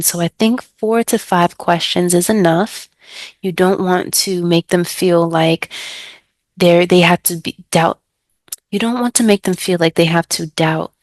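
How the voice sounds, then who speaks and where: An American woman who works as an ESL tutor, giving other tutors chatty teaching tips and acting out student exchanges in a brighter voice. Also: fairly low pitch, no room sound. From United States.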